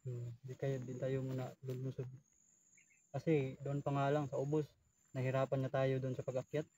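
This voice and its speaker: A man chatting casually outdoors on a mountain, measured and repeating himself as he thinks. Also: mid-range voice, monotone, mellow, dry recording. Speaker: vlogger on a jungle outing. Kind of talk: casual chat among friends. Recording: distant, dull lo-fi outdoor mic.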